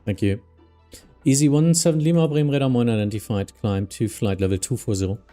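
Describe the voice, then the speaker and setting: A man's voice: mid-range voice, brisk, mellow, soft background music. A man with a German accent streaming as an air traffic controller, mixing radio phraseology with casual remarks.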